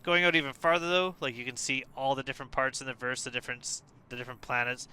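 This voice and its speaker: A tired man casually walking through a game update, relaxed and hesitant, with many fillers and restarts. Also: medium pitch, fast talker, clear, resonant tone. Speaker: gaming video creator. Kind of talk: casual gameplay walkthrough.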